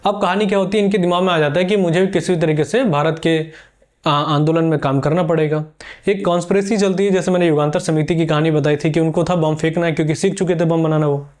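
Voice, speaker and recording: A man's voice: on the high side, fairly even intonation, quick pace, darkish tone. A man teaching a history lesson for exam preparation, telling it as a story and answering viewers' questions.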